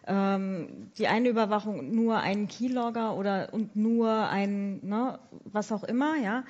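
A woman's voice: medium pitch, darkish tone. Woman moderating a panel; hesitant and filler-heavy, dull lo-fi recording. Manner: hesitant, many fillers and restarts. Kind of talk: panel discussion. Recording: dull lo-fi conference audio.

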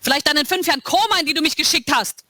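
A woman reading aloud, voicing a furious, defiant young woman with sharp, raised outbursts. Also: high voice, quick pace, no echo, voice pushed up. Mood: angry defiant. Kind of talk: dramatic reading of a novel.

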